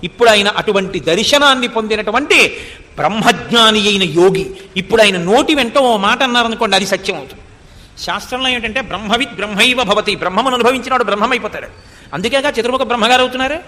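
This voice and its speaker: A man with a very high, bright voice delivers a devotional scripture discourse. He expounds point by point, poses rhetorical questions and chants Sanskrit verses. His voice rings with a long hall reverb. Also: fast. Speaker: spiritual discourse speaker.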